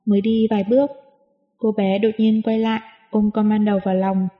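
A woman narrating a novel in an audiobook, with smooth, even storytelling, in a dull recording with a long reverb. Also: mid-range voice, fairly quick. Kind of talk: scripted narration.

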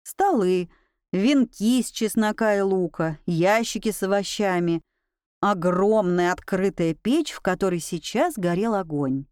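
Woman reading an audiobook, smooth clear voice, dry close sound, bit higher pitch. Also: measured pace, darkish tone, dry recording. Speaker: audiobook narrator. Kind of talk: first-person audiobook narration.

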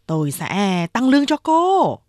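A woman's voice: medium pitch, big pitch swings, unhurried, a little mellow, no room sound, clean studio sound. A woman voicing a sly, sleazy young male underling who wheedles and plays innocent.

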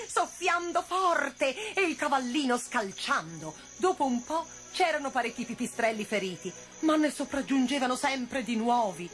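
Animated woman reading a fairy tale. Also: high-pitched. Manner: expressive, animated. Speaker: storyteller. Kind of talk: children's story reading. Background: faint music.

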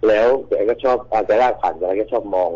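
A man's voice: fairly low pitch, fast talker, dark tone, slightly rough. A man calling in to a radio show, telling a ghost story in a rambling way and quoting the people in it. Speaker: caller. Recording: dull lo-fi radio sound.

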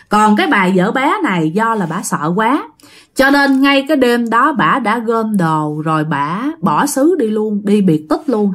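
A storyteller host with a Southern Vietnamese accent narrates a ghost story in a chatty way, often addressing her listeners directly. Her voice is mid-range.

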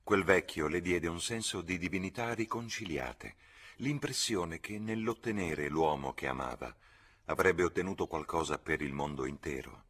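Very deep, husky male reader. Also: moderate pace, fairly bright tone. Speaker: audiobook reader. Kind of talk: literary reading.

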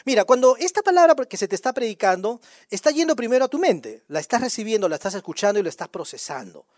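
A man's voice: high voice, very animated, fast talker, dry recording, clean studio sound. A male pastor preaching a sermon in a conversational way, firing rhetorical questions at the congregation.

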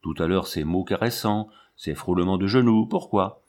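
A passionate, brutal young lion tamer in a storybook reading, as a man reads him. He speaks urgently in a low voice, pleading and demanding by turns. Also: moderate pace, darkish tone. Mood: heated.

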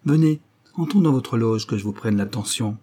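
A man's voice: medium pitch, moderate pace, dark tone, slightly rough, natural voice. A man reading an audiobook, voicing a composed doctor who speaks reassuringly and persuasively. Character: composed male doctor, quietly protective.

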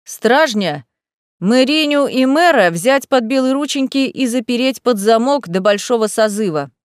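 A woman's voice: a little high, big pitch swings, a little slow, clear, resonant tone, dry recording, studio quality. A woman voicing a stern elder man who gives orders. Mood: commanding. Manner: commanding.

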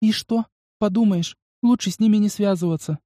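A man voicing a young female waitress with a thin, high voice, in an audiobook. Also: brisk, mellow, no echo, clean studio sound, natural voice. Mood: resigned.

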